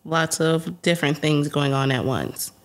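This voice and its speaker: A woman's voice: deep voice, measured pace. A young adult woman co-hosting a podcast in casual, teasing chat, laughing often. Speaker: podcast co-host.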